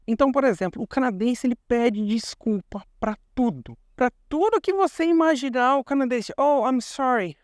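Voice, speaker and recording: A man's voice: very high voice, no room sound, studio quality. A young Brazilian man with a Brazilian Portuguese accent, explaining things in a chatty vlog and repeating words for emphasis. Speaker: vlogger.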